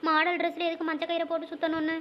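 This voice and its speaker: Cheeky young woman, voiced by a woman, very high, rapid talk, sarcastic asides, dull lo-fi sound. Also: monotone, a little hiss or hum.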